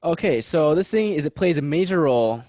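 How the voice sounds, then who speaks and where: A man's voice: fairly high pitch, animated, a little fast, a little mellow, dry recording. A young man leading a casual study session for classmates, joking and self-deprecating as he explains. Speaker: student tutor. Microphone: video call. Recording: dull lo-fi video call audio.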